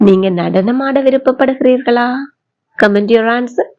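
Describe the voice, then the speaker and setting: A woman with a Tamil accent teaching spoken English, drawing out model sentences slowly for learners to repeat. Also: a little high, a little mellow, dull audio. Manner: slow, drawn-out model sentences for repetition. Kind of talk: bilingual language lesson.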